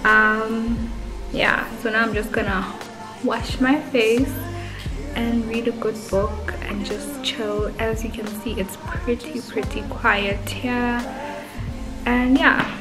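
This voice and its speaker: A young woman talking casually in a vlog from her bedroom, explaining each step in a relaxed way. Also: a little high, takes it slowly. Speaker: vlogger. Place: small home bedroom, indoors. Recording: roomy indoor sound. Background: music playing behind.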